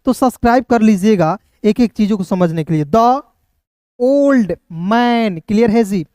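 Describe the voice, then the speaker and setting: A man teaches reading by spelling each word letter by letter and then sounding it out. He speaks somewhat softly and keeps checking in with his viewers. The sound is dry, with no room echo. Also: high-pitched, fairly quick. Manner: keeps addressing viewers as friends and checking they follow.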